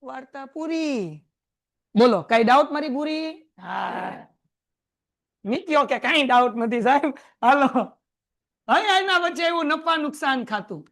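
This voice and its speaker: A man with a Kathiawadi Gujarati accent teaching an accounting class in a classroom, firing quick questions at his students. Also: very high-pitched, expressive, fairly bright tone. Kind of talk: lively classroom lecture. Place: classroom with a board.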